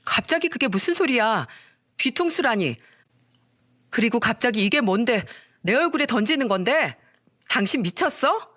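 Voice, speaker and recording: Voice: medium pitch, big pitch swings, moderate pace, fairly bright tone, pitched above the performer's own voice. A storyteller voicing a panicked young wife who begs and makes excuses after being caught. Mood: indignant. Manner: pleading, flustered.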